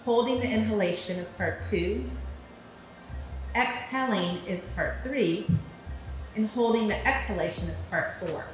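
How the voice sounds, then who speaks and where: A woman instructor leading a guided breathing exercise, counting out in a measured, encouraging way. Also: medium pitch. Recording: very echoey room, music behind. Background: music.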